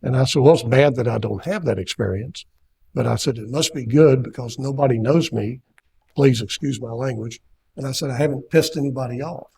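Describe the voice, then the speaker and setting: A man's voice: mid-range voice, a little fast, vocal fry, dark tone, a little hiss or hum. An older man from Kentucky giving a seminar talk, telling a rambling personal story full of fillers and restarts. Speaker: seminar speaker. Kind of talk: anecdotal talk.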